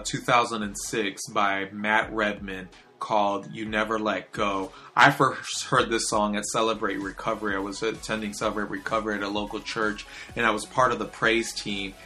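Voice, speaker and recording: A man's voice: medium pitch, sharp tone. A man hosting a short daily devotional, talking in an earnest, confessional way with hesitant fillers. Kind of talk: casual spoken devotional.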